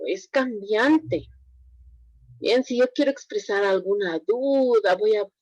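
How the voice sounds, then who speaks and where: Slow-speaking woman teacher. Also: mid-range voice, a little mellow, no echo, rough recording. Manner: slow, explanatory, asks students frequent check questions. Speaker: language teacher. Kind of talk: online class lecture.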